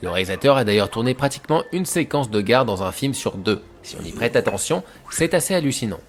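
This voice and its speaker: A man's voice: mid-range voice, big pitch swings, fast talker, a little hiss or hum. A man hosting a film analysis show, narrating a scripted video essay in an informal way that addresses viewers directly. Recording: voice-over with music behind.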